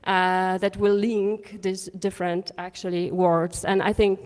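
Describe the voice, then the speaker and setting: A woman artist answers a panel question, hesitant and restarting, laughing between phrases. Her voice is mid-pitched, and the recording has a long hall echo. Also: flat delivery, measured pace, darkish tone. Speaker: invited artist. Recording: echoey hall.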